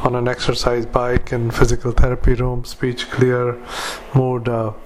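A man dictating medical notes as a clinician, in clipped fragments with spoken punctuation and formatting commands, in a flat monotone. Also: medium pitch, a little slow, noisy background.

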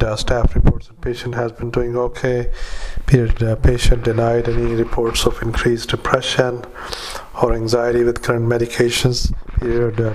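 A doctor dictating notes into a dictaphone recording in a halting, flat manner, with many filler pauses, spelling words out and saying punctuation aloud. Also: male voice, mid-range voice, slight background noise, rough recording. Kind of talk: medical dictation.

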